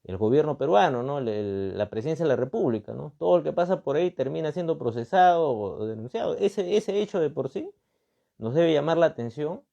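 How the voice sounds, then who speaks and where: A man from Peru with a Peruvian accent has a somewhat high, gravelly yet mellow voice, recorded with dull audio. He works as a political and constitutional commentator, delivering unscripted analysis with emphatic repeated phrases and rhetorical questions full of tag words.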